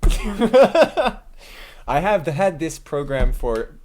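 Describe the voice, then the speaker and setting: A man hosting a live stream, chatting in a rambling, self-mocking way and thinking out loud while he works on his computer. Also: fairly high pitch, big pitch swings, very slow, a little hiss or hum.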